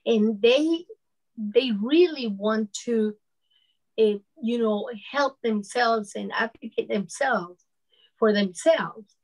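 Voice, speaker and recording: A Venezuelan woman in her fifties, speaking Spanish-accented English in a fairly high, slow voice with a darkish tone, shares a personal account as a discussion panelist. She talks conversationally and often says "you know." The recording quality is low.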